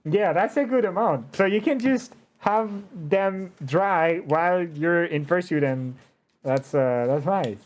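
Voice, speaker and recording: A man hosting a casual conversational interview, talking in an animated but hesitant way with slightly unidiomatic phrasing. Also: high-pitched, takes it slowly. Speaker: interview show host.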